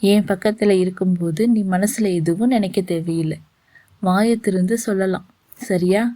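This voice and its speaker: A woman's voice: mid-range voice, steady tone, moderate pace, mellow, no echo, clean studio sound, lightly acted. A woman voicing a teasing, bossy young man who gives orders, read as part of a story. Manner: teasing, commanding.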